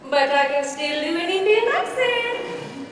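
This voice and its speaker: A woman reciting a scripted spoken-word monologue in a measured, rhythmic way. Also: extremely high pitch, expressive, a bit bright, roomy sound, long reverb tail, recorded from a distance, a little hiss or hum, exaggerated voice.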